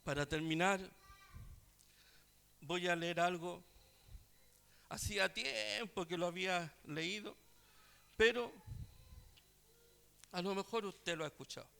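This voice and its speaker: A male preacher telling a story in a sermon, swinging between quiet asides and loud exclamations. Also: sits high, slow pace, gravelly, long pauses, clean tone.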